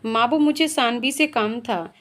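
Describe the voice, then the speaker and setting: A woman voicing a caring young husband in a spoken storybook, soft and reassuring. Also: fairly high pitch, unhurried, close to an everyday voice. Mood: gentle.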